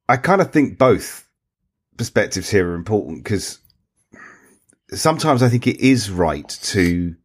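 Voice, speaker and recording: Deep-voiced man, measured and analytical. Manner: measured and analytical, poses questions. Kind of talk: casual panel chat.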